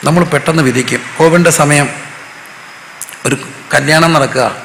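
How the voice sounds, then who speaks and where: Gravelly, bright-voiced preacher from Kerala. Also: male voice, a little high, moderate pace. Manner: asks the congregation questions and has them answer aloud. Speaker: pastor. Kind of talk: sermon. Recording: echoey hall with long reverb, faint noise.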